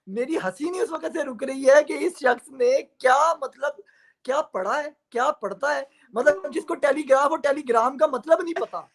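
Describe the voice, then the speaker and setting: Man, high-pitched, mocking, taunting, heated debate, video call. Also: a bit bright. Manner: mocking, taunting, talks over interruptions. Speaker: panelist in a televised debate.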